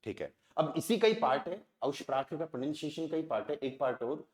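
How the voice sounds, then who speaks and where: A man's voice: a little high, lively intonation, brisk, roomy sound. A man with an Indian accent teaching a language class. He keeps asking the students questions and answering them himself. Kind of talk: classroom lesson.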